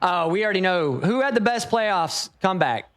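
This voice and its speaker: A man's voice: high voice, expressive, normal speed, a bit bright. Easygoing male esports caster. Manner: easygoing, rambling, playful banter. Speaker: esports commentator. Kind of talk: casual esports commentary.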